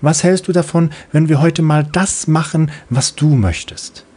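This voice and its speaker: Comic audiobook: patient mother, soothing explainer, husky, raised pitch, a man putting her on. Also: measured pace, warm tone. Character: patient, doting mother landing page.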